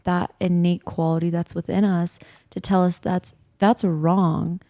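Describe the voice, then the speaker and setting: Woman, low mellow voice, dry sound, reflective, searching, casual spiritual chat. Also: level tone, unhurried, no echo. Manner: reflective and searching, many "like" fillers.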